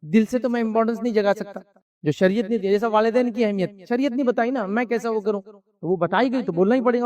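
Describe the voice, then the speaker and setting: A man's voice: high-pitched, darkish tone, recorded from a distance. A man giving a conversational religious lecture, asking rhetorical questions and answering them himself. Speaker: Islamic lecturer.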